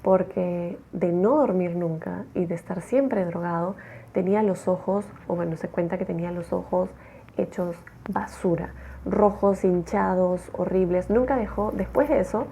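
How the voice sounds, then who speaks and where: A woman telling a true-crime story in a chatty, expressive way, acting out the quotes. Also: on the low side, unhurried, creaky, slight background noise.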